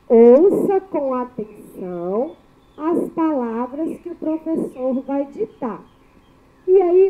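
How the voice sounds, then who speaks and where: A woman teacher giving a children's spelling lesson, sounding out syllables slowly and clearly in a sing-song way. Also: high voice. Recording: thin phone-like audio.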